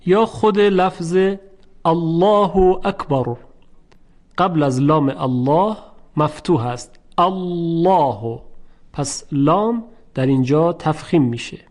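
A man teaching a recitation lesson, stretching out example words slowly and explaining briskly in between. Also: fairly high pitch, expressive, a little mellow.

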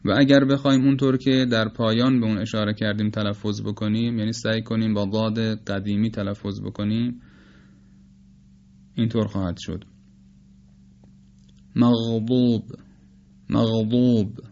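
Measured man lecturing, dull lo-fi sound. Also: on the low side, flat delivery, darkish tone. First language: Persian. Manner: measured, explanatory, demonstrates sounds slowly. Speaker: teacher of Quranic recitation. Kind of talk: spoken lecture on phonetics.

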